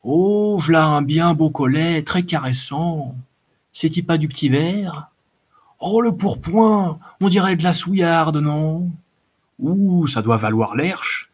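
A man reading as greasy, raspy-voiced bandits pawing at fine clothes and gushing over them. The voices jump far above the reader's own, coarse and slangy. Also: fairly high pitch, a little mellow, pitched above the performer's own voice. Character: greasy, coarse male bandits, gawking and greedy.

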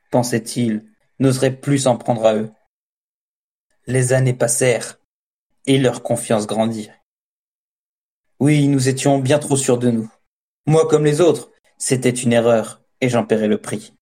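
A man reading a first-person story as an audiobook narrator, in a measured, steady storytelling voice. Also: medium pitch. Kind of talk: scripted narration.

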